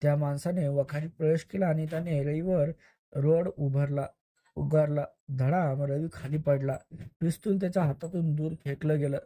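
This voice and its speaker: A man narrating a first-person story in a plain, steady reading voice, now and then correcting himself. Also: on the high side, moderate pace, no echo.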